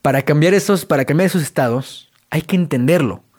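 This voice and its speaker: A Mexican Spanish man delivers a motivational self-help monologue, speaking in a fairly high voice. He talks straight to the listener in a casual, direct way. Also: a little fast, a little mellow. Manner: direct, conversational, addresses listener as tú. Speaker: self-help podcast host.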